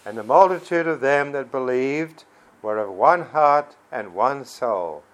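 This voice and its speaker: Slow, solemn male preacher. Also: mid-range voice, lively intonation, fairly bright tone, rough recording. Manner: solemn, emphatic reading with rising stresses. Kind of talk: scripture reading and prayer.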